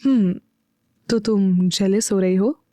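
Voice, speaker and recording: Audio-story casting: a woman playing a teasing, tender young husband, slow and soft. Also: dry recording, clean studio sound, lightly acted. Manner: soft, low, intimate murmuring.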